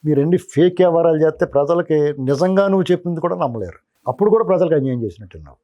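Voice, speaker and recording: A man's voice: a little high, animated, rapid-fire, dark tone. A middle-aged man, a political analyst, giving heated commentary in an interview, rhetorically scolding a politician as "you".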